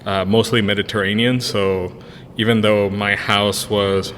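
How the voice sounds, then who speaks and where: Unhurried and fairly low-pitched, his slightly bright voice barely moves in pitch. He's a brewery co-owner in his thirties, a podcast guest whose first language is Spanish; he left a Spanish-speaking country for the US in 1999. His interview answers wander, with plenty of fillers and restarts, recorded in a long-reverb room with faint noise.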